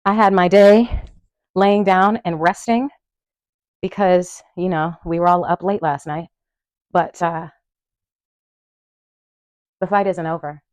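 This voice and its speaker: A young woman speaks straight into her camera at home, defiant and blunt, laughing between her points. Her voice sits on the lower side, and the sound is dry and close. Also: steady tone, slow, long pauses, a little mellow, no echo. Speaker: vlogger. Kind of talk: impassioned commentary to camera. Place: room at home in front of a wall of photos.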